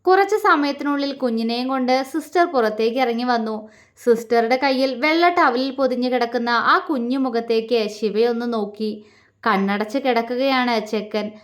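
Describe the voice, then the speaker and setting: A woman storyteller narrating a romance story in a soft, even way. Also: on the high side, moderate pace.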